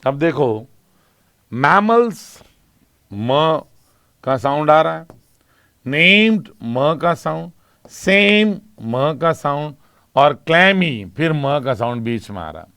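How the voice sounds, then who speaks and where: Guy teaching a class, slow and bouncy, dry close sound. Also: on the high side, big pitch swings, fairly bright tone, clear, resonant tone, no echo. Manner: explains in Hindi with English terms, asks and answers own questions; reads example lines slowly and drawn out. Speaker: English exam teacher. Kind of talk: classroom lecture.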